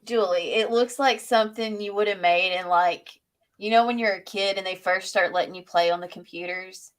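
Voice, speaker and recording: A woman hosting a casual livestream, animated and giggly, with "like" in almost every sentence. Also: mid-range voice, moderate pace. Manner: giggly, animated, says "like" often. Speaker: host.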